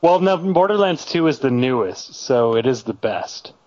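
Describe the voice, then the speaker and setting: A man's voice: medium pitch, animated, normal speed, dry recording. A man on a podcast, joking in a dry, offhand way. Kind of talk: casual comedic chat. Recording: lo-fi audio with loud noise.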